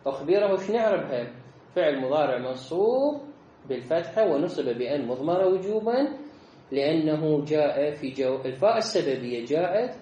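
A male grammar teacher, a bit high-pitched, whose voice rises and falls a lot as he parses sentences. He keeps asking questions and answering them himself. The room is echoey, with faint ambience behind him. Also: sing-song, a little fast, mellow, muffled recording, slight background noise. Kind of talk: grammar lesson, parsing sentences aloud.

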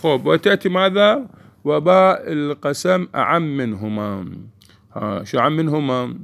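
Gravelly man teaching grammar. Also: fairly high pitch, normal speed, a bit bright, a little hiss or hum. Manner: explains step by step, asks the class questions and answers them himself. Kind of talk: Arabic grammar lesson.

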